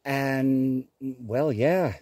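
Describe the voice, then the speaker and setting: Slow, mellow-voiced man rambling outdoors. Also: medium pitch, husky, no room sound, studio quality. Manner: rambling, chatty, talks to himself and the camera. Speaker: vlogger. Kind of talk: casual outdoor vlog narration. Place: outdoors on a forest trail in light rain. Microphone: camera on a tripod.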